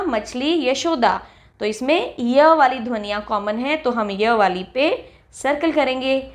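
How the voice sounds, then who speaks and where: A woman teacher walking young children through a textbook lesson, reading each example word slowly and clearly. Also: high-pitched. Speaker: primary school teacher.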